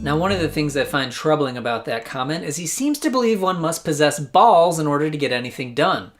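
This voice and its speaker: A lively American man hosts a satirical news commentary show, delivering scripted comedic commentary in a sarcastic, mock-incredulous tone. His voice sits on the high side and moves briskly, with faint music in the background.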